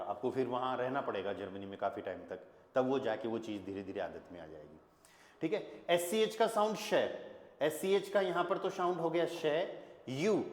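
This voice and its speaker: A man with a somewhat high voice gives a patient language lesson, drawing out letters and sounds and checking in often with his class. The room is echoey, with a long reverb that trails behind his words. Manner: patient, repeats key points with "ठीक है" checks; spells letters out slowly and drawn out. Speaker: German teacher.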